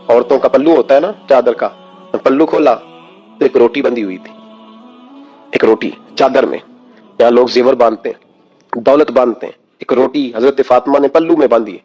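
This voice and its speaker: A man's voice: mid-range voice, pauses often, a little mellow, breathy edge, muffled recording, faint music behind. A man preaching an emotional sermon, impassioned, firing rhetorical questions at his listeners.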